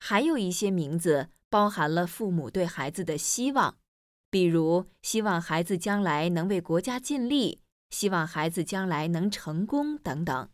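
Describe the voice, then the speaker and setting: Female teacher for a textbook listening dialogue: lowish, animated voice, clear explanations, dry studio sound. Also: normal speed, no echo. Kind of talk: scripted listening-exercise dialogue.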